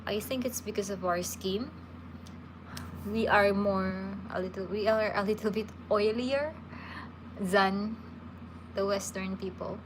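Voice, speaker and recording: Pausing often and speaking at a measured pace, a medium-pitched woman in her thirties from the Philippines casually answers questions from her livestream viewers. Her manner is relaxed and chatty, full of restarts, with noise in the background.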